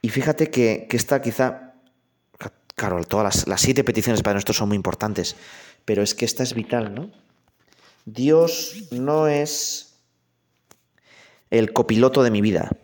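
A priest preaching a conversational sermon, speaking directly to the listener with questions and anecdotes. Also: male voice, fairly low pitch, fairly quick, a little mellow.

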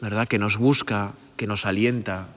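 A man giving a gentle, prayerful sermon, often repeating phrases and asking his listeners for agreement. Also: lowish voice, steady tone, moderate pace, long reverb tail. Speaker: priest. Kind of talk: meditative sermon.

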